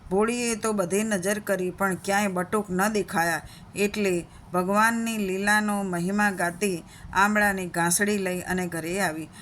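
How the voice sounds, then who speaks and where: A woman narrating a devotional folk tale as a storyteller, in a steady telling voice. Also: mid-range voice. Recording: faint background noise.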